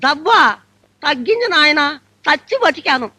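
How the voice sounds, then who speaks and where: An ancient deaf bride. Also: female voice, high voice, sing-song, bright, forceful tone, dry recording, full character voice. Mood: confused. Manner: mishears everything, coy and drawn-out. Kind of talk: comic film dialogue.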